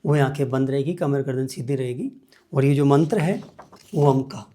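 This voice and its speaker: A man's voice: medium pitch, moderate pace, mellow. A man teaching meditation as a guest, explaining each step patiently and repeating key points. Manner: patient, repetitive step-by-step instruction.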